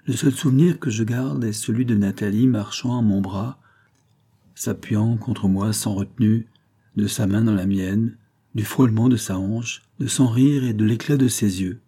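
A man reading a novel aloud in the first person, with a measured, intimate delivery. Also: lowish voice, fairly even intonation, mellow, slightly rough. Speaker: audiobook narrator. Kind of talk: scripted novel narration.

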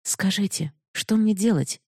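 A woman's voice: medium pitch, lively intonation, moderate pace, a little mellow, no echo, studio quality, voice pushed up, close to an everyday voice. A woman voicing a proud, passionate young woman who pleads bitterly for love, raised and emotional. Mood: quiet, begging.

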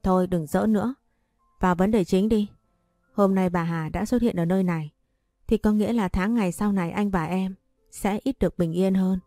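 A woman's voice: medium pitch, normal speed, dark tone, no echo, studio quality, soft background music, natural voice. A woman voicing a teasing, confident young husband in a spoken story. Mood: serious. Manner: playful, teasing.

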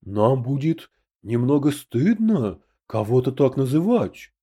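A calm, stately emperor speaks of himself as "we", as a man reads him in an audiobook. The voice is mellow and low, and his pitch moves freely through each line. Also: takes it slowly, breathy edge, full character voice. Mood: dignified. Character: grand portly human emperor, calm and principled.

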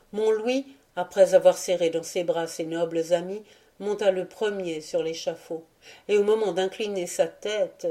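A woman reading aloud a history book as a solemn, measured audiobook narration. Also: lowish voice, dark tone. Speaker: audiobook reader.

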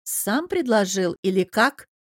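A woman voicing a lively young female friend who talks briskly and bluntly, full of questions. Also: mid-range voice, no room sound, clean studio sound, natural voice. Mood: annoyed.

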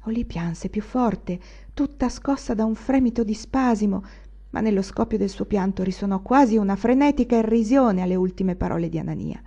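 A woman narrating a literary audiobook in a measured, expressive way. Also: mid-range voice, highs cut off. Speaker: audiobook reader.

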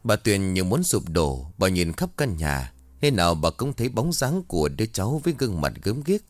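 Brief: low male narrator for a horror tale, lively swooping intonation, dry close sound. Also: moderate pace, dry recording. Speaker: storyteller.

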